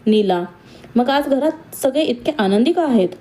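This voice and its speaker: A woman's voice: high-pitched, expressive, unhurried, dark tone, voice pushed up. A woman voicing a curious young woman who works in the house and asks a lot of questions.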